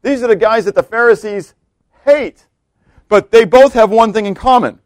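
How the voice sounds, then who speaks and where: A man delivering a verse-by-verse sermon in a chatty, conversational way, checking in with his listeners as he goes. His voice sits fairly high for a man and often sinks to a hushed, intent murmur for emphasis. The sound is dry and close. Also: normal speed, dry recording. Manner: conversational, keeps checking in with "okay?" and "right?". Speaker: pastor. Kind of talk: expository sermon.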